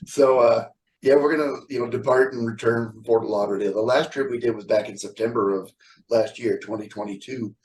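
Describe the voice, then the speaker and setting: A man's voice: medium pitch, steady tone, a little fast, darkish tone, far from the mic, a little hiss or hum, poor audio. A middle-aged man, a square dance caller, chatting in an interview in a blunt, joking, opinionated way. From California. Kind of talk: casual interview chat.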